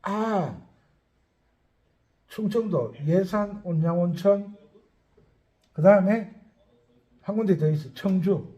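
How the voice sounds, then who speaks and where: Male accordion teacher, rambling casual talk; high-pitched but warm, dark tone. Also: animated, slow, long pauses, lo-fi sound. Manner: chatty, rambling, thinks aloud while listing places.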